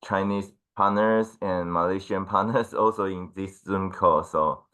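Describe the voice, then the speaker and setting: A man, a Mandarin speaker, presenting informally and haltingly on an online call. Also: low voice, steady tone, fairly bright tone. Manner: hesitant, halting English. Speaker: guest team leader speaker.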